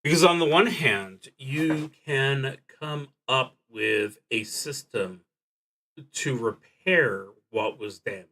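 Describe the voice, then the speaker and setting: In a low-quality recording, a man with a medium-pitched, pushed, bright voice slowly and animatedly narrates his solo roleplaying game. He streams the unscripted play-through, hesitantly and reflectively thinking aloud.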